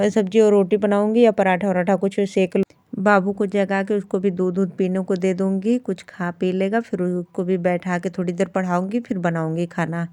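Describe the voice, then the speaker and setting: A woman's voice: mid-range voice, mellow, clean tone, no room sound, clean studio sound. A woman, chatting homely to viewers through her daily-routine vlog. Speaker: vlogger, housewife.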